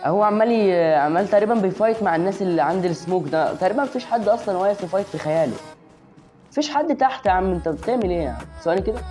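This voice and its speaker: A woman with an Egyptian Arabic accent commentates a shooter game in a rapid, excitable stream. Her voice sits at a middling pitch, and game music and gunfire run behind her. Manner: excitable, chatty, talks straight to the viewer. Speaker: gaming channel host.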